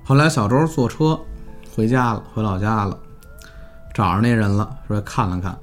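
Guy spinning a ghost story, voice all over the place, swears a lot, soft music behind. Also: normal speed. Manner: animated, jumps pitch for drama, swears casually. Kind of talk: casual horror story telling.

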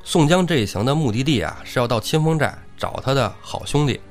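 A male podcast co-host retelling a classic tale in an animated, humorous way. His pitch is mid-range but swings very expressively. Faint background music runs under his voice. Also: brisk. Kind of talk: lively storytelling chat.

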